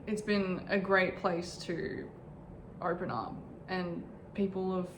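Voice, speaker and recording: A woman's voice: lowish voice, fairly even intonation, takes it slowly, reverberant, noisy background. A woman in her twenties talking candidly and reflectively in a casual personal vlog, filmed in her bedroom at home. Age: 20s. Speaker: vlogger.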